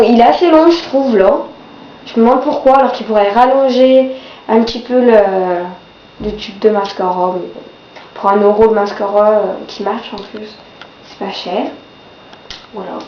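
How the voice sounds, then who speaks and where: Blocked-nose and sore-throated from a cold, a young woman, teen or young adult, chats casually through product reviews in her beauty vlog. Her slightly high voice keeps a moderate pace, and the audio sounds dull and roomy with faint noise behind it.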